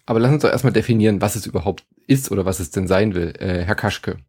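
Gravelly, slightly low-voiced man hosting. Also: fast, a little mellow. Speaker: podcast host. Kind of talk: casual chat, moderating.

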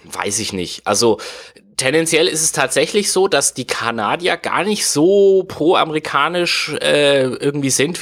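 Here a man with a medium-pitched, slightly bright voice appears as a podcast guest, walking through game industry history in a relaxed chat. His long explanations meander, loaded with filler words and qualifiers.

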